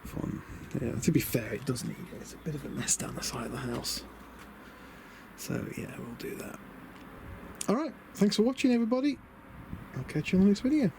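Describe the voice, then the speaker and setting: A man's voice: fairly high pitch, a little fast, creaky. A British man giving a casual, rambling vlog commentary in an understated, chatty way, muttering asides to himself. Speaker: DIY vlogger showing a camper van conversion. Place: outdoors by a van beside a house. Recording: windy outdoor camera audio with noise. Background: wind noise.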